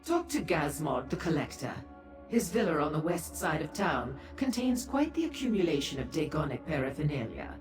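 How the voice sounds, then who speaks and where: An actress playing a flirtatious, theatrical madam of a pleasure house in a fantasy video game, gushing coyly with drawn-out endearments. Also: female voice, low-pitched, sing-song, a little mellow. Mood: coy, effusive. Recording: roomy echo with music behind.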